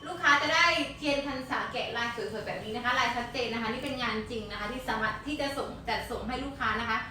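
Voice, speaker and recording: A woman giving a live-stream sales pitch, repeatedly urging customers with polite sentence endings. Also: fast talker, bright, forceful tone. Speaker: live-stream shop seller. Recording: very echoey room, distant mic, faint noise.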